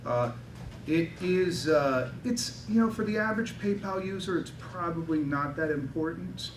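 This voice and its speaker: A man's voice: fairly high pitch, normal speed. Emphatic man on a panel, echoey hall. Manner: emphatic, seeks agreement with repeated tag questions. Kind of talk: conference panel answer. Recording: distant echoey hall with noise.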